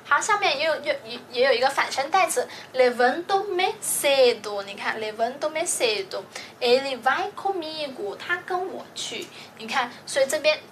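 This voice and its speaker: A woman's voice: high-pitched, animated, measured pace, a bit bright, slight background noise. A woman teaching a grammar lesson, explaining patiently step by step and often checking that students follow. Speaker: language teacher.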